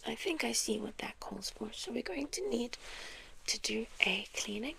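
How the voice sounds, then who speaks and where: A South African woman in a whispered role-play as a gentle, reassuring doctor, speaking softly and very close, right into the ear. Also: fairly high pitch, lively intonation, creaky, crowd noise. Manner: gentle, reassuring, unhurried patter of an examiner. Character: polite, reassuring female doctor examining a patient. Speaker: ASMR performer playing a clinic doctor. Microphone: very close microphone.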